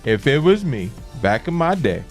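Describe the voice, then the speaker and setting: A man's voice: mid-range voice, very animated, normal speed, soft background music. A man co-hosting a radio show with casual, unfiltered banter and slangy, emphatic talk.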